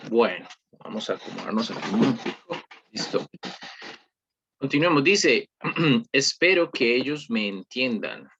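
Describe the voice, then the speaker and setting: A man's voice: lowish voice, a bit bright, husky, highs cut off. A man reviewing an English workshop, patiently explaining and often correcting himself. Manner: patient, repeats "¿listo?" often; corrects himself mid-sentence. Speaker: English teacher. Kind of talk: screen-recorded lesson review.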